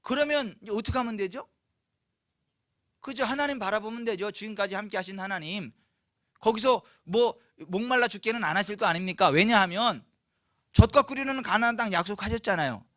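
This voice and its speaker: Male pastor, high bright tense voice, emphatic sermon with rhetorical questions, dry close sound. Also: brisk, dry recording. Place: church, Friday night service.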